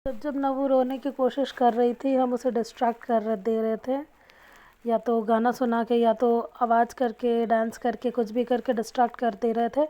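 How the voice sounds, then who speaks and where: A young woman narrating a family vlog as a new mother, coaxing her baby with soft baby talk. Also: on the high side, flat delivery, normal speed, highs cut off.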